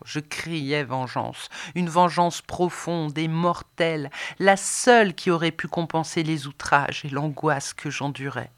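A woman narrating an audiobook in the first person, expressive, swinging between soft and emphatic delivery. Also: low-pitched. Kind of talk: scripted narration.

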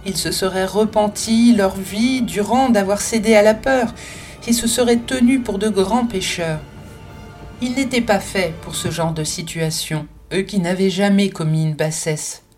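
A woman's voice: mid-range voice, unhurried, a little mellow, faint music behind, voice pushed up, close to an everyday voice. A woman voicing a fervent, proud French woman. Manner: emphatic, exclamatory. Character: spirited grown French woman, passionate and proud. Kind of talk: audiobook character reading.

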